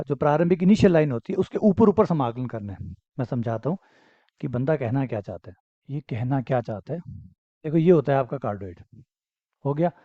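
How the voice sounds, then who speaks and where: A man's voice: a little high, no room sound, muffled recording. A man teaching a university math lesson, explaining step by step, asking questions and answering them himself, repeating key phrases to encourage his students. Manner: repetitive, encouraging, asks and answers own questions. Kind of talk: explanatory lecture.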